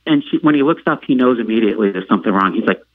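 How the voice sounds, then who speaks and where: Halting man on a tinny line. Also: fairly low pitch, lively intonation. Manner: halting, filler-heavy retelling; acts out quoted lines with sudden loud outbursts. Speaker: podcast guest. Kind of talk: personal storytelling. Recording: narrow phone-like line, dry.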